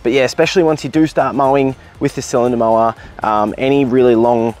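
Australian man in his thirties, relaxed backyard vlogger, mid-pitched voice, faint music underneath. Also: quick pace. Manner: relaxed, chatty, with fillers and self-corrections. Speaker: lawn care vlogger. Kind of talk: casual vlog talk to camera. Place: outdoors in a large backyard lawn. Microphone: handheld camera held at arm's length, partly a distant camera.

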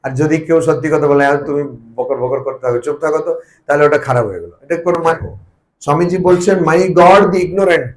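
Man, monk, spiritual talk, fairly high voice, joking asides, echoey room. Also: fairly quick. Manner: asks the listeners questions. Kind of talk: informal spiritual discourse to a small group. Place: study circle meeting room.

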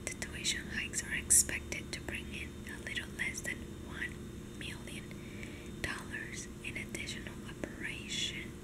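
A woman speaks entirely in a breathy whisper, reading aloud in an ASMR style. Her delivery is slow and soft, with halting pauses between phrases. The microphone picks her up from close by. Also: rough recording.

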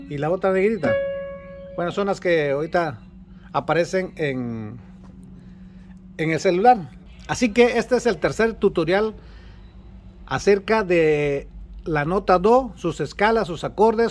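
A man giving a patient, repetitive beginner keyboard lesson, counting out intervals step by step. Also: high-pitched. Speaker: keyboard teacher. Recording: instrument music clearly audible behind.

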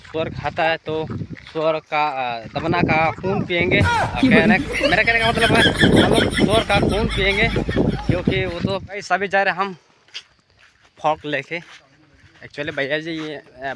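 Filming himself at arm's length on his phone, a young adult vlogger talks chattily to his viewers beside a river outdoors, then indoors in a hut. His pitch is fairly high and the recording is very noisy.

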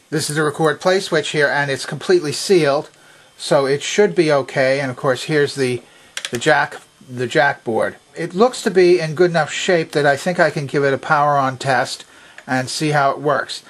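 Working at an indoor workbench, an older man talks through a hands-on repair for a vintage electronics repair video he presents. His fairly high, slightly bright voice moves at a moderate pace, and his narration is casual, unscripted, and methodical, step by step.

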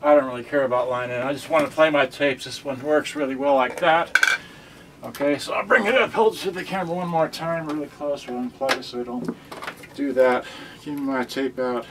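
A camera a few feet away picks up an older man's casual, rambling product demonstration in a carpeted room as he handles gear. His medium-pitched voice is steady and a little fast against a noisy background, including loud music from a cassette radio.

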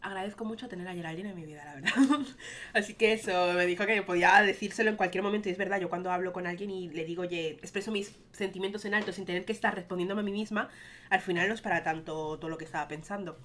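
Bright-voiced chatty young woman. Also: on the low side, fast talker, slight background noise. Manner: chatty, rambling with many fillers. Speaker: vlogger. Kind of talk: casual storytime monologue.

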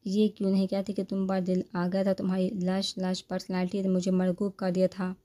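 A woman's voice: medium pitch, completely flat delivery, mellow, close to an everyday voice. A woman voicing a playful, theatrical young man who teases his bride-to-be in a romance novel reading. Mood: teasing. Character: teasing, dramatic young man, a joker.

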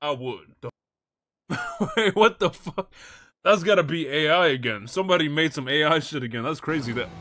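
A man's voice: a little high, animated, moderate pace, pushed and bright, no echo, studio quality. A man streamer giving casual reaction commentary on clips, slangy and laughing, repeating his words.

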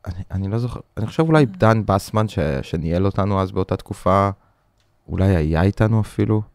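A male musician guest chatting on a podcast in a low, deep voice, often halting and restarting as he explains. The studio sound is close and dry. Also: creaky, a little mellow, no room sound. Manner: hesitant, many fillers and restarts. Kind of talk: casual chat. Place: recording studio.

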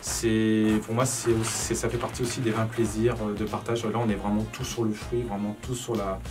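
A man's voice: fairly low pitch, flat delivery, normal speed, music in the background. A man in his thirties, a head sommelier, talking casually with lots of fillers while showing a wine cellar. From Charente, France. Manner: conversational, many fillers and "en fait". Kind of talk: guided cellar tour. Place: stone wine cellar indoors.

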